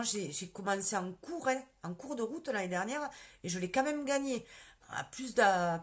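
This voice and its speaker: A woman with a strong southern French countryside accent, chatting casually on a live stream, answering viewers' questions about her sales work and greeting commenters by name. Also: fairly high pitch. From southern France. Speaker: beauty sales consultant.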